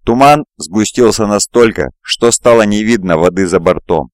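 A man narrating a fantasy audiobook in a steady, even reading. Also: fairly low pitch, moderate pace, no echo, clean studio sound. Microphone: close mic, home recording.

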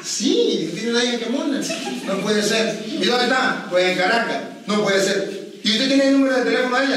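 A priest with a fairly high voice, preaching from a distance in a very echoey hall with faint room noise behind him. He tells his stories lively, acting out each person's voice. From Venezuela. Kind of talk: preaching with storytelling.

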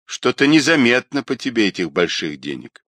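A man's voice: medium pitch, big pitch swings, normal speed, a bit bright, no echo. A man voicing a stern old colonel. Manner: stern, suspicious, scolding. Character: stern older male retired colonel.

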